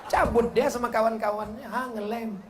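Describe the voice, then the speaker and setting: High-voiced joking male preacher, echoey live. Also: normal speed. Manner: jokey, acts out dialogues in shifting voices; animated, rises to loud exclamations. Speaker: Islamic preacher. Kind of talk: humorous live sermon. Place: live outdoor or hall religious gathering. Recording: roomy live event with ambient noise.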